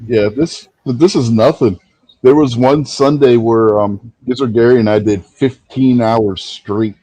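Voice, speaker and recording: A man's voice: mid-range voice, steady tone, measured pace, mellow, slightly rough, no echo, rough recording. A man on a live-stream voice chat, chatty and helpful, patiently explaining how to do things. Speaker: fellow streamer and guest. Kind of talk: casual chat, explaining step by step. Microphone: online voice chat.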